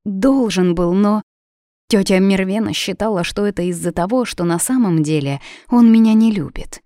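A woman's voice: medium pitch, normal speed, warm tone, no room sound, studio quality, lightly acted. A woman voicing a stubborn, shy young witch who talks in a flustered, defiant way.

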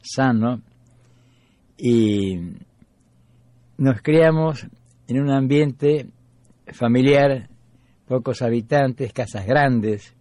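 A man in his nineties with an Argentine accent, telling family memories in an interview with pauses. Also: medium pitch, dark tone, dry recording. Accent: Argentine Spanish. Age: 90s. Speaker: interviewee, folk musician. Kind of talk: storytelling memories.

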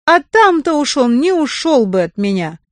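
Woman playing a storybook carpenter, self-pitying drunk, whining and coaxing, lively pitch, dry sound. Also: moderate pace, dry recording.

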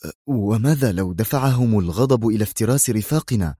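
A man's voice: lowish voice, lively intonation, quick pace, mellow, breathy edge, no echo, clean studio sound. A man voicing a nervous male intelligence aide who keeps questioning his commander in a strained, pleading tone. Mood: tense.

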